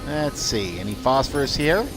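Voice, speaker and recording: A man's voice: medium pitch, expressive, moderate pace, over music, poor audio. A man giving casual let's play commentary, musing aloud as he plays. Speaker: video game player and commentator. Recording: game noise behind the voice. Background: video game sound.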